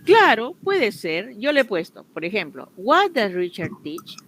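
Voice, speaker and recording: A woman's voice: mid-range voice, big pitch swings, a little slow, a bit bright, slight background noise. Woman teaching an online English class. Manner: explains step by step, switching between Spanish and English examples.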